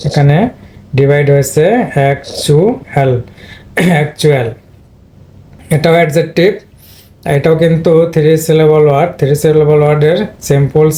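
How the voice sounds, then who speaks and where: A man's voice: fairly high pitch, mellow. A man teaching English spelling and pronunciation in an informal lesson, explaining step by step and repeating each word several times. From Bangladesh. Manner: explains step by step, repeats words, throat clearing.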